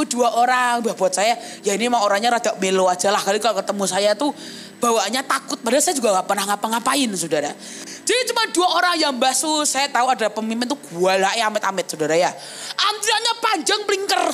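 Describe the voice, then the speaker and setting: A young adult woman evangelist giving a sermon at a church service. She tells her own story in a vivid, animated way and keeps turning to address the congregation. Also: a little high, quick pace, a little hiss or hum. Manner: animated storytelling, often addressing listeners as brothers and sisters. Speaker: evangelist preacher. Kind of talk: testimony sermon.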